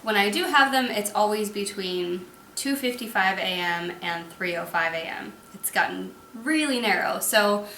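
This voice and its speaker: A young woman vlogger telling a personal story in casual chat, frank and quick to laugh. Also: medium pitch, sharp tone, echoey room, slight background noise.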